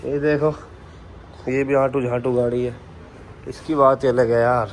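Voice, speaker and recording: A man's voice: mid-range voice, flat delivery, a little slow, slight background noise. A young man, chatting and joking casually in a vlog. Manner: joking, boastful banter. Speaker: vlogger.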